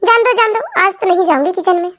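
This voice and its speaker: A woman's voice: very high voice, fast talker, a bit bright. A woman voicing a hopeful, sulky young wife in a comedy cartoon, chatty and talking to herself. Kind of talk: cartoon family comedy voice acting.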